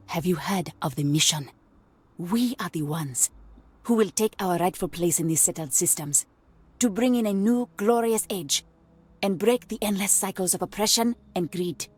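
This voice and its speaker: A woman's voice: on the low side, darkish tone, husky. An actress voicing a proud cloned warrior queen in a game, speaking in a regal, solemn way. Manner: regal, slow, slips into a whisper. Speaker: game character.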